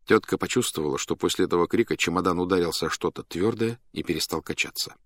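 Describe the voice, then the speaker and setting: A man reading a story aloud as narrator, in an animated, dramatic manner that speeds up and slows down. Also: sits low, no echo.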